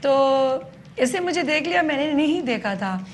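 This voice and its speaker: A woman police station chief giving a news interview, explaining in detail with frequent hesitant pauses. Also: sits high, animated, a little hiss or hum.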